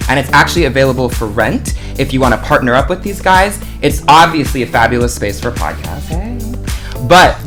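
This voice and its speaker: Upbeat interview host, mid-pitched, chatty with viewers, music behind. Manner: upbeat, addresses viewers as "you guys". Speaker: show host. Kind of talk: casual interview hosting. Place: podcast studio.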